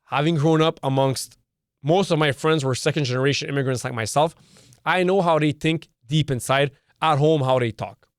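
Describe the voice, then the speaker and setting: A man's voice: a little high, normal speed, no echo, studio quality. Emphatic man hosting a solo podcast. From Canada. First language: Serbian. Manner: emphatic, repetitive, lists points by number. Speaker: podcast host. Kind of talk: opinionated solo podcast monologue.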